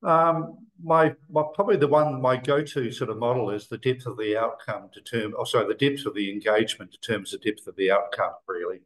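A man's voice: medium pitch, brisk, hardly any pauses, fairly bright tone, rough recording. A man in his sixties from New Zealand, a guest talking casually on a video call and rambling with many fillers and restarts. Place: office room indoors.

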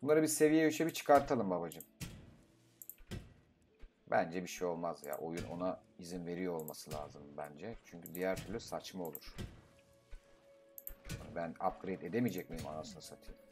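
A young man giving casual gameplay commentary, talking to himself, swearing and breaking into excited outbursts. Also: sits low, moderate pace, long pauses, music in the background. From Turkey. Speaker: gaming YouTuber.

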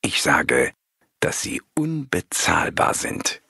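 A man with a deep, husky voice reads a spiritual text in a calm, measured way. His delivery is lively in pitch and bright in tone. The recording is dry and close to the mic. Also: dry recording. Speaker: audiobook reader. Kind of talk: scripted narration.

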